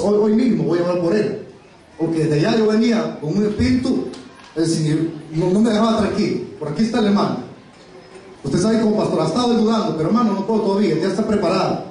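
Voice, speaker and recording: A pastor preaching a fiery sermon, breaking into sudden high shouted bursts. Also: male voice, a little hiss or hum. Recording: echoey hall, voice from far off.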